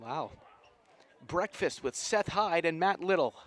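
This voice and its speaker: His voice is a little high and fairly bright, animated yet measured in pace. He's a play-by-play commentator calling live rugby outdoors at a sports field in an enthusiastic, folksy, slangy manner.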